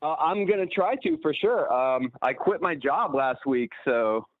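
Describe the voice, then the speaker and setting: A man's voice: on the high side, expressive, unhurried, dry recording. A man calling in to a radio show, talking in a laid-back, hesitant way with lots of fillers. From Pittsburgh area. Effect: phone line. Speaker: caller. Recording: tinny dry phone line.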